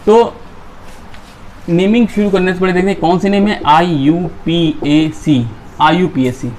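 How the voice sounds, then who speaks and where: A man's voice: sits high, fairly even intonation, unhurried, a little mellow, a little hiss or hum. A man teaching a chemistry class, who keeps asking his students questions and then answering them himself. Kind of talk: classroom lecture.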